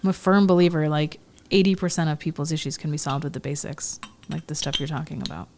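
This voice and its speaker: Chatty woman with a lowish voice. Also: fairly even intonation, quick pace, a little mellow, a little hiss or hum. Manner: chatty and emphatic, says "like" a lot. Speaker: chiropractic physician, podcast guest. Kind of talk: casual podcast chat. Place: home room with a dog nearby.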